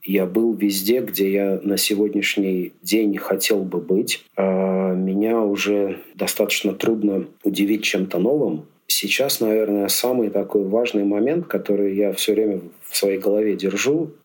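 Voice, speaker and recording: This forties-aged man has a lowish, steady voice with a breathy edge, moving at a moderate pace with few pauses. As a podcast guest and amateur triathlete, he chats casually in an interview, reflecting on his racing career in a meandering, filler-heavy way.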